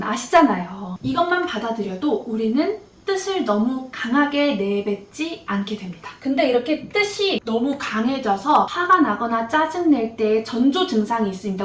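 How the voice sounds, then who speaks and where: High-pitched woman lecturing nurses, swoops all over, acts scenes out, echoey room, a bit off mic. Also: normal speed, few pauses. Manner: animated, emphatic, acts out scenes. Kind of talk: motivational lecture. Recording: roomy echo, distant mic.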